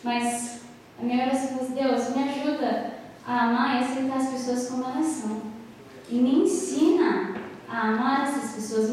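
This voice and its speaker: Young woman sharing a testimony at a prayer meeting, kinda high voice, sounds far off in a big echoey church hall. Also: darkish tone, slight background noise. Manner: earnest, retelling dialogue with prayerful pleas. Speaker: church sister giving testimony.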